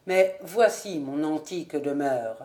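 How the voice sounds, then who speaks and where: A woman's voice: low voice, slow pace, mellow, pitched below the performer's own voice. Woman voicing a terse, grave young lord.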